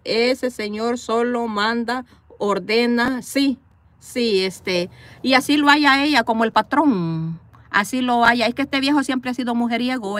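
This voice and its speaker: A woman records into her phone camera from a parked car, the outdoors visible, reading live comments and delivering blunt scolding and gossip. Her slightly high voice has a fairly bright tone and no echo.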